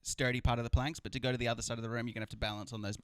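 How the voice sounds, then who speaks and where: A man's voice: medium pitch, level tone, rapid-fire, fairly bright tone, smooth, no echo, studio quality. A man acting as game master, improvising wry narration for a live tabletop game.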